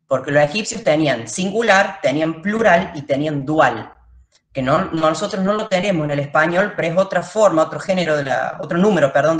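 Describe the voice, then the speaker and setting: Teacher, female, low-pitched, patient classroom explainer, reverberant room. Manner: explains step by step, checks in with the class. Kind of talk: classroom lecture.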